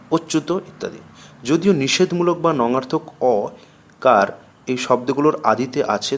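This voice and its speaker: A man teaching a grammar lesson with a Bengali accent, reading questions and rules aloud in a slow, deliberate way and repeating each example word. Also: mid-range voice.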